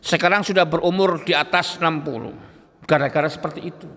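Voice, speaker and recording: A male preacher with a bright, sharp, fairly high voice gives a relaxed religious talk. He tells stories and laughs, turning often to speak directly to his listeners. The sound carries the long echo of a mosque hall. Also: a little fast, gravelly. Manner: chatty storyteller who laughs and addresses the audience directly. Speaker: Islamic preacher. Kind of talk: casual religious lecture to a congregation.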